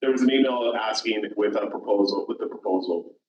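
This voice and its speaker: A man on the low side, with a little hiss or hum in the recording, chairs a public commission meeting. He speaks informally, haltingly, and keeps correcting himself. The sound is roomy, distant and dull, typical of a council room.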